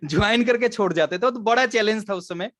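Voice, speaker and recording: A high-pitched, slightly bright-toned man from Haryana, India, gives an earnest, story-driven motivational business training talk in Hindi laced with English words. He speaks at a moderate pace, in clean studio sound with no room reverb.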